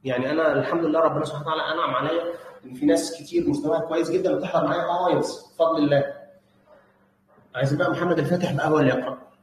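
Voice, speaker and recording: A man's voice: on the high side, steady tone, racing. A man with an Egyptian Arabic accent teaching a German lesson, patiently correcting pronunciation by repeating the words. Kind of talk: online language lesson. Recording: roomy with faint background noise.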